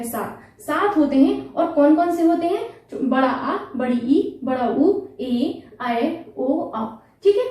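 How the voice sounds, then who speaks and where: Preparing students for an exam, a woman teaches Hindi grammar in a high, mellow voice. She asks questions and answers them herself, patiently repeating the important terms, while the mic sits far off in an echoey room.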